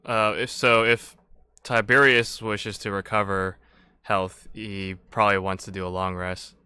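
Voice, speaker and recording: A man's voice: on the low side, flat delivery, measured pace, sharp tone, smooth. A man running a tabletop game as game master, recapping and narrating in a loose, meandering way.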